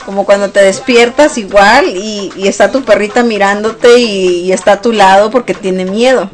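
A woman hosting a radio show, telling stories in a lively way with frequent laughs. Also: medium pitch, moderate pace, faint music behind. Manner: lively storyteller, laughs often. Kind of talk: casual radio chat.

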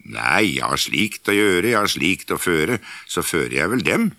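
A man's voice: low voice, big pitch swings, gravelly, bright, forceful tone, dry recording, clean studio sound, exaggerated voice. A man voicing a cheerful, boastful youngest peasant brother in a fairytale reading, with a gleeful singsong.

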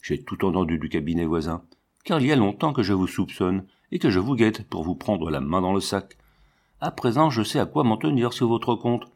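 Stern commanding master of a house in a storybook, low and angry, read by a man. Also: big pitch swings, normal speed, a little mellow, husky, exaggerated voice.

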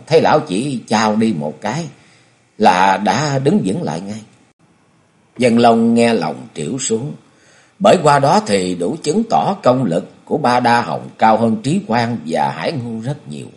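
A man's voice: fairly low pitch, a little mellow. A man narrating a martial-arts novel aloud with a dramatic, swinging delivery.

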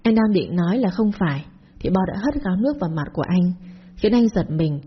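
A woman narrating a storybook tale in a steady, plain manner. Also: lowish voice, a little fast, breathy edge, dull audio.

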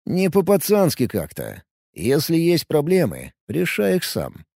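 A male audiobook narrator telling a first-person story with a lively, swinging delivery. His voice is mellow and darkish, and the sound is dry and close to the mic. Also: a little high, measured pace, vocal fry, no echo.

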